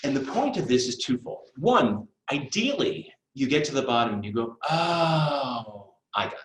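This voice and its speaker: A man's voice: mid-range voice, sing-song, normal speed. A middle-aged man teaching a live online test prep class in a conversational way, with fillers and asides. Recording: roomy echo.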